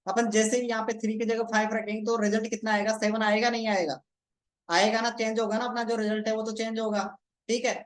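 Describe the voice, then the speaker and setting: A man's voice: sits high, flat delivery. A man giving a live online motivational lesson, repeating himself and often checking in with the audience and asking them questions. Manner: keeps checking in with "ठीक है" and quizzing listeners; repeats phrases, explains slowly step by step. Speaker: motivational coach.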